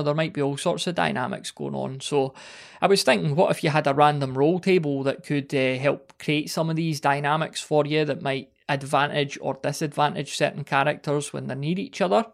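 Gravelly man musing on a podcast. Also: a little high. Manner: rambling, self-interrupting, wry asides. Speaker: podcast host. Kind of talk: casual solo podcast talk.

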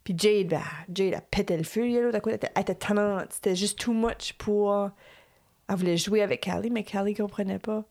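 A young woman with a Quebec French accent telling a story in casual chat, animated and mixing English words into her French. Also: mid-range voice, a little fast.

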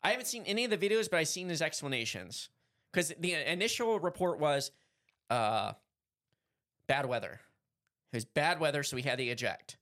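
A man's voice: a little high, sing-song, normal speed, pauses often, a bit bright. A man co-hosting a podcast in casual chat, joking wryly in a playfully conspiratorial way. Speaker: co-host.

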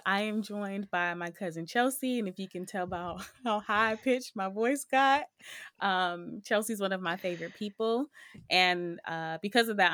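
A woman's voice: fairly low pitch, a bit bright. A young adult woman hosting her own podcast, talking in a reflective, casual way with frequent ums. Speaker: podcast host.

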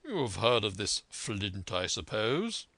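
A man voicing a calm, measured, dryly authoritative gentleman doctor in a storybook reading, composed and deliberate. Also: fairly low pitch, dry recording, full character voice. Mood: amused, calm. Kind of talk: audiobook character voice.

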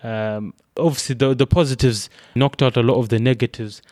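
A young Zimbabwean man with a Zimbabwean accent reflects on his own experiences, often restarting his phrases as he thinks. His voice is medium in pitch and darkish, steady in tone, at a moderate pace. The clean studio recording has no echo.

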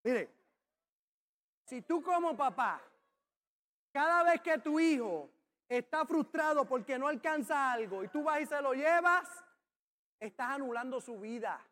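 A man preaching with a strikingly high voice. He drives his points home with emphasis and bursts into shouts on key phrases. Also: expressive, a little slow, long pauses. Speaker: pastor. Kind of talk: sermon.

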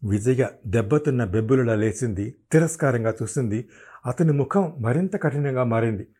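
A man reads a novel aloud as a podcast narrator, in a steady, dramatic storytelling voice. His tone is mellow and soft-edged. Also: mid-range voice, moderate pace, husky.

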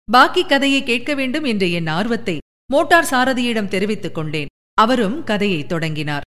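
A woman reads a novel aloud with lively, animated storytelling. Her voice carries a long hall reverb. She voices the characters' lines with expression. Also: a little high. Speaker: audiobook narrator. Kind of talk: audiobook reading of a novel.

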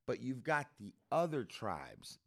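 In a casual podcast chat, this male co-host retells a story with real enthusiasm, his mid-range, gravelly voice swooping wildly in pitch at an unhurried pace. He's slangy and repetitive, saying "bro" and "dude" again and again.

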